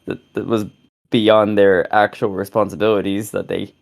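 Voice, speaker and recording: A man's voice: lowish voice, flat delivery, normal speed, creaky. Rambling young man co-hosting a review podcast. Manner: rambling, self-correcting, chuckles often. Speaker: podcast co-host. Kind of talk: casual review chat.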